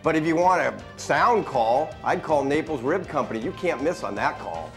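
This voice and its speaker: A man's voice: on the high side, expressive, normal speed. A man playing a coach in a scripted radio ad, easygoing and folksy. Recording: music bed behind.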